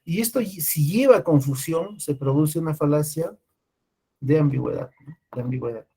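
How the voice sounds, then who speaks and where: A man giving a classroom lecture in a slightly high voice. He talks through his points patiently, often pausing to check that the class is following, and he restarts words as he goes. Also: mellow, husky. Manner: explains with frequent "¿no?" and "¿ya?" checks, restarts. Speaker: teacher.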